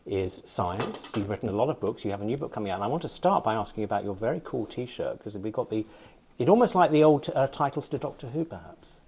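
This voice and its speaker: A man's voice: on the low side, animated, fast talker, darkish tone, slightly rough. An English man hosting a casual chat over tea in a visitor center, chatty, jokey and welcoming. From England. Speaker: host.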